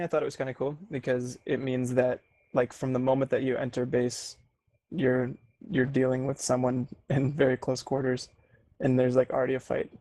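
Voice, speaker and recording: Male gamer, middle pitch, rambling, dry headset voice. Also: a little mellow, dry recording. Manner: rambling, full of "like" fillers. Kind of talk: casual voice chat.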